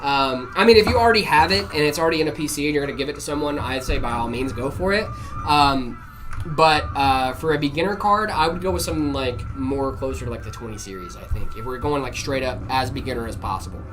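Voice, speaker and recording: A man's voice: medium pitch, quick pace, music in the background. A man from North Carolina co-hosting a live stream, chatting casually and reading viewer messages aloud while building a PC.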